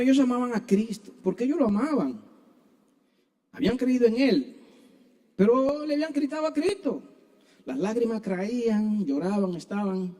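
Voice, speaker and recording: High-voiced preacher, mellow tone. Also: male voice. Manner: earnest preaching, addresses listeners as brother. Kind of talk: sermon. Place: church.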